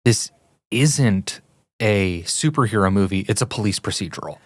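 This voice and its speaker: Low-voiced man, relaxed podcast co-host. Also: moderate pace, no room sound. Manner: relaxed, reads facts and figures, opinionated. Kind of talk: casual film podcast discussion. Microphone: studio microphone.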